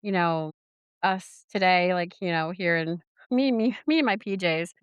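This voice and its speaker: A woman's voice: lowish voice, a little slow, clean tone, no echo, lo-fi sound. A woman co-hosting a casual podcast, rambling with many fillers and restarts and giggling asides. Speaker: podcast co-host. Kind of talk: casual chat.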